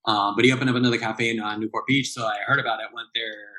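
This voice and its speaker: In a casual interview chat, a Southern Californian barista in his late thirties talks very fast and rambles with many fillers and restarts. His medium-pitched voice is bright and forceful with little pitch movement, and the audio is poor.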